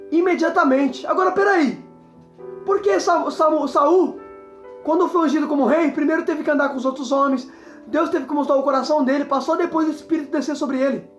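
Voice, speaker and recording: A woman's voice: high voice, echoey room. A woman preaching a sermon, talking emphatically, repeating herself and breaking into exclamations. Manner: emphatic, repetitive, exclaims often. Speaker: evangelist preacher.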